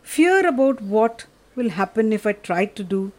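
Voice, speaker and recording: A woman giving a reflective explanatory talk in measured, deliberate phrases. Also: fairly high pitch, big pitch swings, darkish tone. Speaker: speaker on curiosity and meditation.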